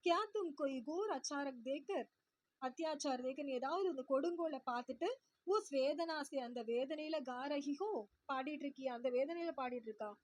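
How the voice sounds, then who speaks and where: A woman tutor who reads out a poem line by line and paraphrases each line simply, in a steady, repetitive teaching cadence. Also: high voice, a little fast. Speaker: Hindi exam tutor. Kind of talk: line-by-line poem explanation lesson.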